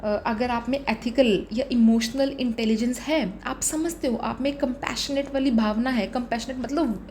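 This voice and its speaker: A young woman with an Indian English accent teaches exam vocabulary in a relaxed, chatty lesson. Her voice sits a little high, and she keeps checking in with the listener as she explains. Faint noise hums under the recording. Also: unhurried, hardly any pauses. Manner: explains vocabulary with examples, frequent "ठीक है" fillers. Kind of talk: casual Hinglish lesson.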